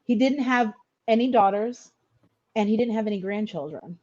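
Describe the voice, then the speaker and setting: A woman's voice: mid-range voice, normal speed, warm tone, dull audio. A middle-aged woman telling a personal story in an interview, earnest and hesitant, often repeating words as she goes.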